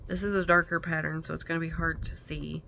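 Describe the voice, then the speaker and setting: A woman's voice: sits low, flat delivery, quick pace, creaky, bright, forceful tone, slight background noise. A woman, showing products in a chatty, folksy haul video. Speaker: vlogger.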